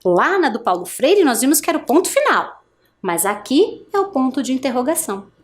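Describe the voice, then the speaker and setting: A woman's voice: high voice, very animated, brisk. A woman teacher giving a video lesson for adult learners, speaking directly to students with exaggerated question intonation. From Brazil.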